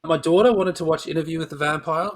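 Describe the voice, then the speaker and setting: Talking quickly in a fairly high voice, this middle-aged podcast co-host chats casually about films he's reviewing. He comes across as informal and opinionated, with a dry sense of humour.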